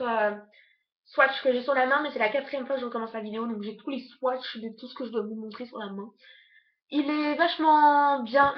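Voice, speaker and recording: A young woman, a beauty vlogger, rushing through a casual makeup haul on her bed at home, chatting with lots of fillers. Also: fairly high pitch, dull audio. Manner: hurried, chatty, many fillers. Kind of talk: casual product review.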